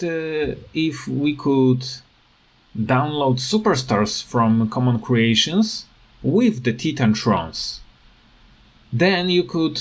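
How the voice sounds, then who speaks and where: Talking over gameplay in a loose rant, this man makes gaming videos and speaks in hesitant, non-native phrasing. His pitch is a little high.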